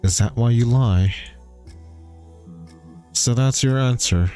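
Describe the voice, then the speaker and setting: A man's voice: medium pitch, mellow, soft background music, natural voice. A man voicing a solemn, grieving ghost father. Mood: solemn, probing. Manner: slow, solemn, probing questions.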